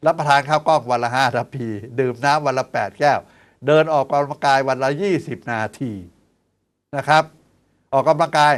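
Slightly fast and on the high side, this man's voice belongs to a sixtysomething doctor hosting a health program. He keeps things chatty with lively asides, teases listeners with rhetorical questions, and counts aloud through exercise steps.

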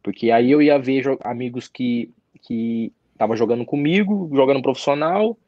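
Young male athlete guest, mid-pitch, casual halting storyteller; dry, muffled sound. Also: a little mellow, no room sound. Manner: halting, repeats words and restarts, frequent tag questions. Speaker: interview guest, professional footballer. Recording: dry, slightly dull audio.

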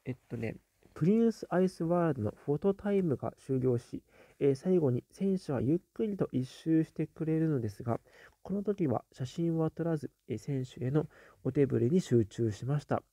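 Mellow-voiced man reading fan comments. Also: on the high side, expressive, moderate pace, dry recording. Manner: reads viewer comments aloud, then muses with soft "un" fillers. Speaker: host reading viewer comments. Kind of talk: casual live-stream chat.

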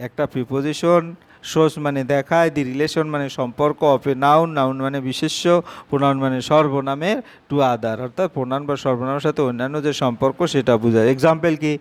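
A man teaching children, going through exam answers and reading English lines slowly word by word. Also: mid-range voice, fairly even intonation, clear, resonant tone. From West Bengal, India. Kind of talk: exam answer walkthrough lesson.

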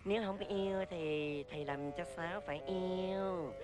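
Một phụ nữ đóng vai ông thầy cúng gian xảo, nói năng trơn tru, hay lỡ lời, giọng miền Nam, trong vở hài. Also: female voice, on the low side, moderate pace, over loud music, close to an everyday voice. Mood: sly, coaxing. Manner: smooth-talking, covering slips, giggling. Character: sly male shaman, slippery and flirtatious. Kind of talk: stage comedy sketch.

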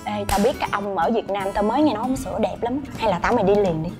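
In a TV drama, an actress plays a flashy, bossy woman mocking her plain friend, her medium-pitched, natural-sounding voice loud and quick over music, with a bossy, mocking tone.

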